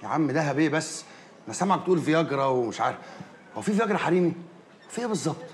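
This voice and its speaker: A man's voice: on the high side, expressive, very fast, a little hiss or hum, lightly acted. An actor playing a young male engineer, sarcastic and then furious, in an Egyptian accent. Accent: Egyptian Arabic. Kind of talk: TV drama acting.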